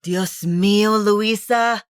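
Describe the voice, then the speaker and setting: A woman voicing a young woman, an earnest, caring older sister who speaks in a measured way. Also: fairly low pitch, no echo, studio quality, close to an everyday voice.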